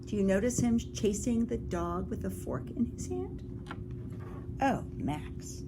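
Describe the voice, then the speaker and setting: Reading a picture book to small children the way a librarian or teacher might, a woman keeps them engaged with expressive delivery, suspenseful whispers and questions for her audience. She has a mid-range voice and a slow pace, over background noise.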